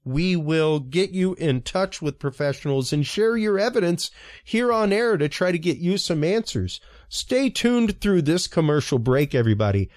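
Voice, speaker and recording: A man's voice: on the high side, lively intonation, normal speed, darkish tone, no room sound, clean studio sound. A man hosting a live podcast in an enthusiastic, informal, rambling way, moving between sponsor reads and interview chat. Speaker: podcast host.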